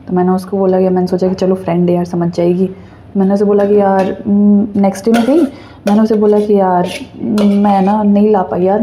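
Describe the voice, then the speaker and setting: Young woman, very dark mellow tone, chatty storytime, faint kitchen clatter behind. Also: mid-range voice, a little hiss or hum. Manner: chatty, animated retelling with many fillers. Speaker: storyteller vlogger. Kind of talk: casual storytime monologue.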